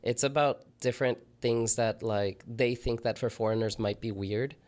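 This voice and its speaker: A laid-back man on a podcast, mid-pitched, relaying stories in a loose, conversational way. He swears casually and keeps things light, in plain everyday chat. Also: steady tone, normal speed, darkish tone. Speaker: podcast co-host.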